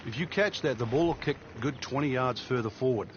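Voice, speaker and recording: A man acting as an easygoing golf commentator, the analyst in a sports video game, chatty and explanatory. His mid-pitched voice comes through slightly dull, over clear background noise. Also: brisk, close to an everyday voice.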